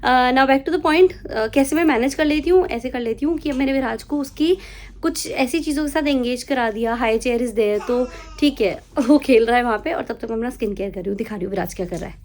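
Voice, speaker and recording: A woman's voice: a little high, brisk, a little hiss or hum. A young woman and new mother chatting casually to her viewers in a vlog, switching freely between Hindi and English phrases and telling stories with animation. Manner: animated storytelling. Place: at home.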